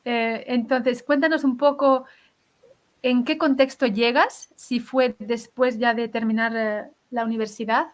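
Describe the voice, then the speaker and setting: A woman's voice: fairly high pitch, steady tone, a little slow. A woman hosting a casual interview, encouraging, often adding tag questions and short acknowledgements. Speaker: interviewer, host.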